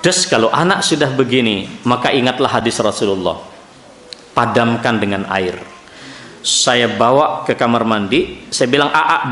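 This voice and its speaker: A man's voice: mid-range voice, a bit bright. Man preaching in an echoey mosque hall. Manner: storytelling, addresses audience as Pak and Bu. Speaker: Islamic preacher. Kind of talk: mosque study-circle sermon. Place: mosque auditorium. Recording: echoey hall with faint ambience.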